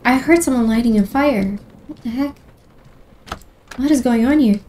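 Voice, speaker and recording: A woman's voice: on the high side, moderate pace, warm tone, slight background noise. A woman streamer giving casual commentary while playing a horror game, easily startled and talking to herself. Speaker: gameplay streamer.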